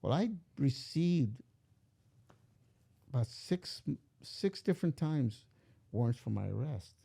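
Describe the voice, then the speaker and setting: A man's voice: mid-range voice, very animated, slow pace, gravelly, warm tone, breathy edge. An older man telling a long personal story in a casual interview, rambling and acting out the voices in it. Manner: rambling, acts out quoted dialogue. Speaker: father being interviewed.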